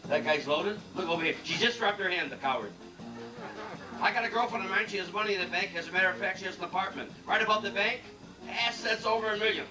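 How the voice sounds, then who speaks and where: Man, stand-up comedian, brash rapid-fire delivery, echoey lounge recording, live band music behind. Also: high voice, far from the mic. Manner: brash rapid-fire joke telling, teasing the crowd.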